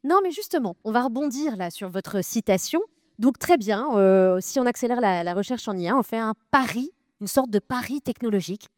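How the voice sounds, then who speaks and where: A woman's voice: fairly high pitch, animated, fairly quick, no room sound, studio quality. A woman moderating a debate, asking long questions with many filler sounds.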